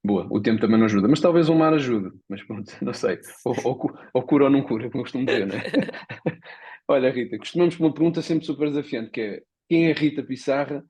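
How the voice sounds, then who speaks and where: A male podcast host with a European Portuguese accent and a slightly rough, husky voice. He talks quickly and informally, putting questions in a casual interview style. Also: mid-range voice, a little mellow. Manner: informal, conversational.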